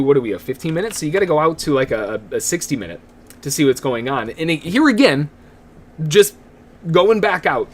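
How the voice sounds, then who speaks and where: A man walks through market charts live on a stream, talking in a loose, chatty way and laughing often. His voice sits a little high for a man. He greets viewers in the chat by name as he goes. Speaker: day trading analyst.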